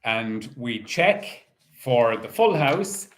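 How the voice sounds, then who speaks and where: A man with an Irish accent hosting as a bingo caller, announcing in a measured, formulaic way. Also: mid-range voice, very animated, poor audio. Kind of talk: bingo calling, numbers digit by digit.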